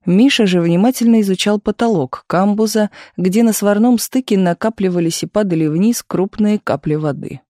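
A man narrating an audiobook in an even, measured storytelling manner. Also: sits high, dry recording, clean studio sound. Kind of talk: scripted narration.

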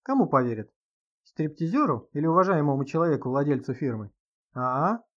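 A middle-aged businessman speaks calmly and patronizingly, his threats delivered in a quiet, menacing drawl, as a male audiobook narrator voices him. The audio sounds dull and lo-fi. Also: a little high, a little fast, lightly acted.

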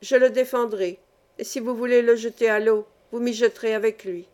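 A woman voicing a wise older male miner who speaks with firm, calm authority in an audiobook. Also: on the high side, fairly quick, close to an everyday voice.

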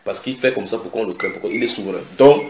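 A man preaching a sermon, retelling scripture dramatically with sudden shouted quotes and direct questions to his listeners. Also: fairly low pitch, very fast. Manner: asks the audience direct questions. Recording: echoey room.

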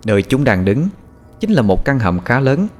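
A man narrating a scripted horror story in an expressive, suspenseful way. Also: mid-range voice, moderate pace. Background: faint music.

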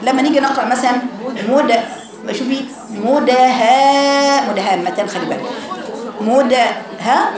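A woman with an Egyptian accent teaching Quran recitation rules to female students, patiently repeating sounds slowly to demonstrate. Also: on the high side, animated, roomy sound, a crowd in the background. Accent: Egyptian Arabic. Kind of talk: tajweed lesson to female students.

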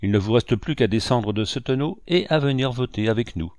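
A man's voice: mid-range voice, lively intonation, a little fast, a little mellow, no room sound, clean studio sound, close to an everyday voice. A man voicing a defiant male pirate in an audiobook, insistent and accusing. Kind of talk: audiobook reading.

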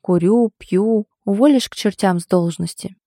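A woman voicing a tipsy, sulky young woman who answers with huffy sarcasm, a little higher and louder than her narration. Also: moderate pace, no echo, studio quality, lightly acted. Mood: sulky, sarcastic.

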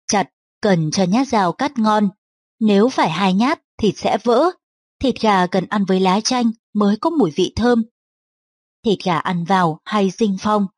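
A woman's voice: mid-range voice, darkish tone, dry recording, lightly acted. A woman reading the lines of a young woman who patiently explains how to cook, in a storybook. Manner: patient, instructive.

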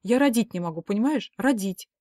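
A woman voicing a gloomy young divorced woman who answers in flat, weary replies. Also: medium pitch, a little fast, no echo, clean studio sound, close to an everyday voice.

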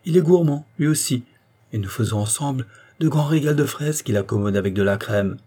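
A man's voice: fairly quick, natural voice. Man voicing a naive young convent girl. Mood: eager. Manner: bright, higher girlish voice. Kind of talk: audiobook character reading.

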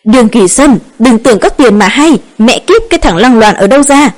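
A woman's voice: on the high side, animated, a little fast, darkish tone. A woman narrator voicing a young woman pinching her nose to mimic a foul-mouthed, scolding older mother.

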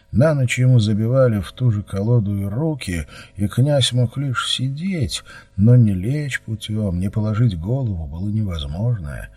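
A man reading a historical novel aloud in a measured, grave audiobook narration. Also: on the low side, darkish tone, breathy edge, no echo.

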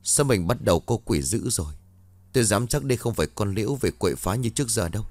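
A man's voice: lowish voice, animated, fast, darkish tone, dry recording. A man voicing a frightened middle-aged village woman who tells her tale urgently, close to his own reading voice. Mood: alarmed.

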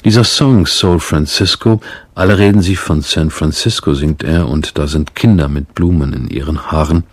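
A man hosting a radio program, narrating calmly and paraphrasing a guest's words. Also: extremely low pitch, moderate pace. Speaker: radio host.

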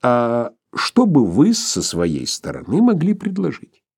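Brief: imperious old professor, acted by a male reader, formal and ironic, husky voice, lively pitch. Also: takes it slowly, no room sound, clean studio sound, heavily acted. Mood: ironic, measured.

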